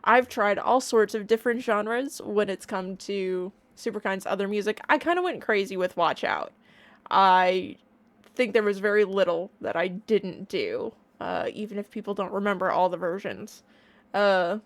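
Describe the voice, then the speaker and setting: Casting: woman, online reaction streamer, casual excited chat, playful and enthusiastic delivery, mid-range pitch. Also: moderate pace. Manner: bubbly, playful, gushing enthusiasm.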